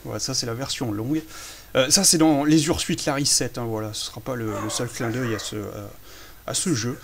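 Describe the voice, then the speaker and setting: A man's voice: mid-range voice, fairly quick, vocal fry, crowd noise. A man chatting casually through a behind-the-scenes commentary on his own fan film, self-amused and full of hesitations.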